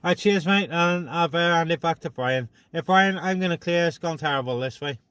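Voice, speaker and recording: A man with a slightly high, fairly bright and smooth voice speaks a little fast, chatting casually as a vlogger and CB radio operator. His tone is matey and informal, mixing radio chat with vlog talk, and he's outdoors on a mountain top.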